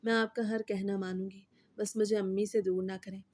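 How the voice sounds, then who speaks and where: A woman's voice: mid-range voice, little pitch movement, darkish tone, no echo, natural voice. A woman voicing a frightened teenage girl who pleads tearfully, in a storybook reading. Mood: pleading.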